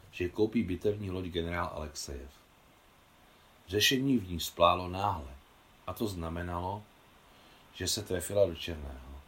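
Deep-voiced man reading a novel aloud. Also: slight background noise. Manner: calm, measured storytelling. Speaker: translator reading his own translation. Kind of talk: audiobook narration.

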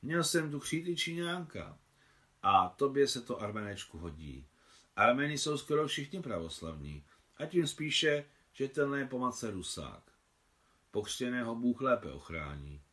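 A man voicing a stout elderly priest who speaks in a slow, measured way. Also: medium pitch, very animated, fairly bright tone, pitched above the performer's own voice. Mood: deliberate. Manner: measured, unhurried speech. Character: stout elderly male Moscow priest, deliberate.

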